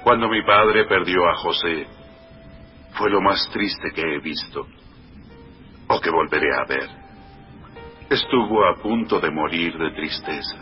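An actor playing a remorseful, weary imprisoned brother in a Spanish biblical drama, sombre in manner. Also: male voice, low voice, animated, measured pace, long pauses, lo-fi sound, soft background music. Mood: sorrowful. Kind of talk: Spanish-language dubbed biblical drama acting.

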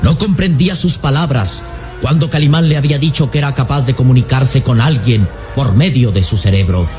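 A man narrating an adventure serial as a solemn storyteller, with measured, scripted dramatic delivery. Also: mid-range voice, darkish tone, soft background music, lightly acted. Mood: solemn, suspenseful.

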